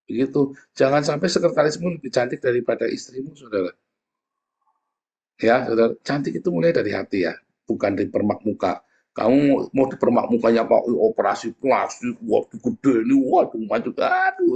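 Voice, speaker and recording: Man preaching, husky voice, teasing rhetorical questions, joking tone. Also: mid-range voice, a little mellow. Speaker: pastor. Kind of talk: sermon.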